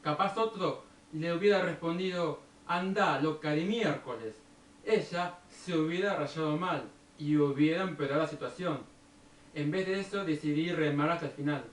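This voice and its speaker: Argentine man telling a story in an echoey room. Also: on the high side. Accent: Rioplatense Argentine Spanish. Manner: unhurried, storytelling, moralizing. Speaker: video blogger. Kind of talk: personal storytelling monologue. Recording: echoey room, distant from the mic, faint background noise.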